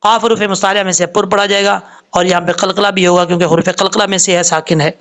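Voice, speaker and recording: A high-voiced man teaches Quran recitation step by step. He names each letter and its vowel mark, then drawls out the recited word with care. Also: little pitch movement, quick pace, a bit bright. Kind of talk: slow step-by-step tajweed lesson.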